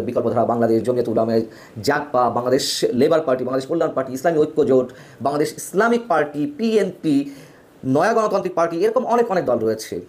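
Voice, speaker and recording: A man giving opinionated political news commentary, emphatic, with his pitch swinging widely between phrases. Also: darkish tone.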